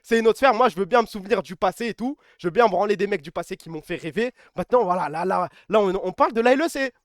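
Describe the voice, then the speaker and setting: Excitable high-voiced French streamer. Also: male voice, quick pace, dry recording, studio quality. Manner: excitable, emphatic, repeats himself, swears freely. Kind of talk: casual live-stream chat.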